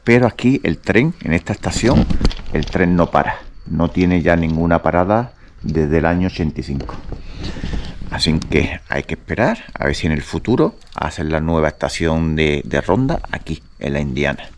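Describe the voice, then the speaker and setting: Deep-voiced man vlogging at night. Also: lively intonation, normal speed. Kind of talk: casual night exploration vlog. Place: outdoors at an abandoned train station at night. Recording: outdoor night recording with noise.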